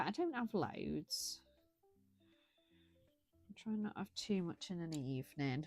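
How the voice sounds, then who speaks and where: A woman's voice: low voice, darkish tone. A tired, yawning British woman hosting a colouring livestream, rambling chattily and correcting herself as she goes. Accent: British English. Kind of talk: casual chat while colouring.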